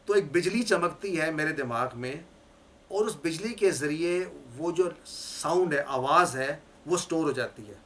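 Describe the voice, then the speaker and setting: A man's voice: on the high side, a bit bright. A male teacher giving a classroom lecture, explaining each point step by step and repeating key words for his learners.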